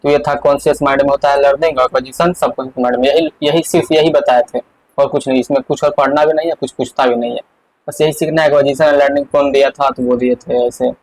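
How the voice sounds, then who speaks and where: A man's voice: mid-range voice, steady tone, fast talker, darkish tone, poor audio. A male teacher giving an exam-prep lesson, explaining step by step and repeating the key points with frequent fillers.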